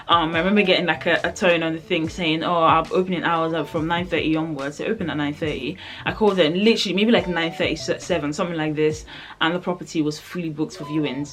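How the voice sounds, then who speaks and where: Young woman, low pitch, casual rambling vlog talk, filler-heavy, faint background music. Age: young adult. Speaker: vlogger. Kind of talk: casual chat.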